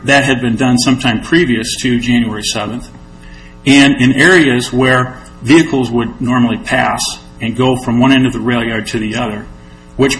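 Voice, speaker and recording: An American man speaking as an attorney, giving a formal oral argument in a measured, explanatory way. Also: medium pitch, fairly bright tone, slight background noise, poor audio.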